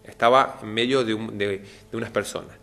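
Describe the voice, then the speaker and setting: A man preaching a televised sermon, speaking straight to his listeners and acting out the quoted lines with lively jumps in pitch. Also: brisk, gravelly. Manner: animated, acts out quoted lines with rising pitch; addresses the audience directly.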